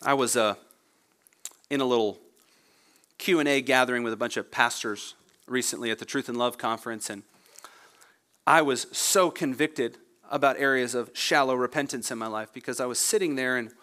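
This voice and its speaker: A male pastor preaching a sermon, moving from loud, emphatic peaks to quiet, low storytelling. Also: moderate pace, long pauses. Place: church sanctuary.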